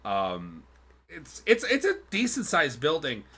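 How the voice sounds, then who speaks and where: A man's voice: a little high, wildly swooping pitch, unhurried, a bit bright, slightly rough. A man narrating as game master of a streamed tabletop game, rambling with fillers and restarts. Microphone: streaming mic.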